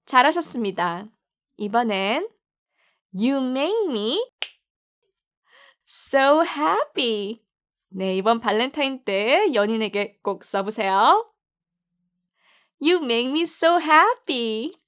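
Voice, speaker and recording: A woman's voice: on the high side, big pitch swings, fairly bright tone. Cheerful woman coaching English pronunciation. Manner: upbeat, praising, spelling out each word slowly. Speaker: English teacher. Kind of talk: slow pronunciation drill.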